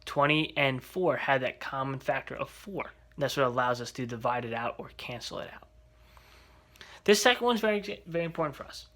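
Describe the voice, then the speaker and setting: A man's voice: medium pitch, lively intonation, normal speed, bright, forceful tone. A man teaching an algebra lesson, explaining step by step and checking in with rhetorical questions. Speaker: math teacher.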